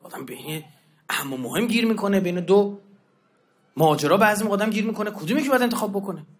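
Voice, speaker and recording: Male lecturer, high voice, animated and informal, acts out the dialogue in his stories. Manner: animated storyteller, acting out quoted exchanges; informal street slang and asides. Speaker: religious lecturer. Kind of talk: colloquial religious history lecture.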